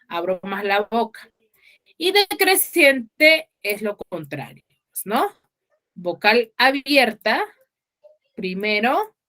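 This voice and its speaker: Patient woman teacher on an online class call, slow and sing-song, keeps checking understanding. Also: on the high side, a bit bright. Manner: patient, asks the class "¿ya?" often. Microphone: video call.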